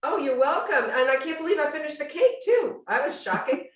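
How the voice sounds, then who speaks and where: A woman's voice: high voice, expressive, a little fast. A woman hosting an online cooking class, talking in a casual, chatty, exclamatory way over a video call. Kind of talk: casual livestreamed cooking demonstration chat. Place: indoors at home, on a video call. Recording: roomy, distant-mic video-call sound.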